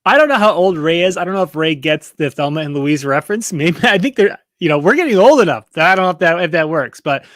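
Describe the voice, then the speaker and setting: A man hosting a livestreamed trivia game, with a voice a little higher than most men's. He teases his contestant and reads the chat aloud in a playful way. The sound is dry and close, with no room echo. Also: lively intonation, quick pace, few pauses, fairly bright tone. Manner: playful, teasing, reads questions and chat comments. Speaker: trivia host.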